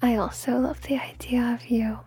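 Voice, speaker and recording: A woman's voice: a little high, flat delivery, warm tone, breathy edge. A woman in a whispered role-play as a seductive, controlling hypnotist, speaking intimately close, right in the listener's ear. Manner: slow, unhurried, suggestive delivery. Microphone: very close microphone.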